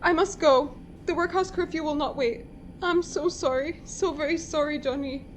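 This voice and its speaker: An anxious, tender young pregnant wife, close to tears, as a woman plays her. Her voice is very high, with a faint hiss behind it. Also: moderate pace, lightly acted. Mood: sorrowful. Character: worried young pregnant working-class wife. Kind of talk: audio drama acting. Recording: faint background noise.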